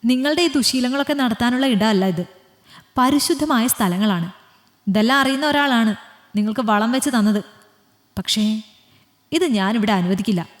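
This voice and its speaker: A woman voicing a fierce, protective young woman who snaps in sharp, indignant outbursts in a storybook reading. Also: a little high, fast, big-room sound, lightly acted. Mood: furious.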